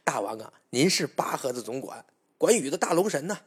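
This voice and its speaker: A man's voice: mid-range voice, big pitch swings, fairly quick, breathy edge. A man doing fawning sea-creature courtiers. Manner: fawning, mocking.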